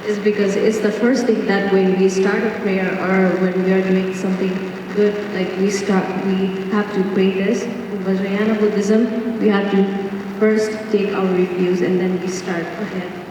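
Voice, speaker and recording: A woman's voice: mid-range voice, flat delivery. Young woman from Nepal speaking in an echoey hall. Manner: earnest, searching for words, chants quickly. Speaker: panel speaker. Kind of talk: personal talk to an audience. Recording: echoey hall, from far off, with clear room noise.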